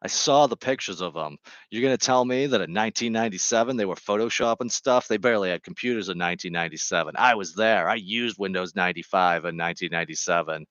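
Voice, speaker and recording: Man with a lowish voice and deadpan humor, rambling casually to camera. Dry, slightly dull mic sound. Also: fast talker, no room sound. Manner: jokey, meandering, deadpan absurd humor. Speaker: vlogger. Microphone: Bluetooth microphone.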